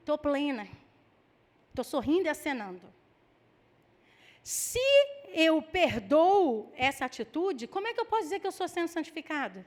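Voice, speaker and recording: A woman with a Brazilian Portuguese accent preaching a lively sermon, acting out people's excuses in mock voices. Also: very high-pitched.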